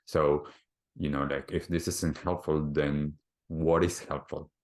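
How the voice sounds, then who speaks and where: A man's voice: very deep voice, level tone, measured pace. A man from Argentina, a wellbeing coach, talking reflectively as a podcast guest, with many "you know, like" fillers. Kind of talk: reflective conversational talk.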